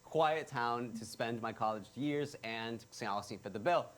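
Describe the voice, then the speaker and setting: A man's voice: medium pitch, moderate pace, a bit bright. A young man from Ecuador, a college senior, talking earnestly in a casual interview. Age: young adult. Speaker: college student.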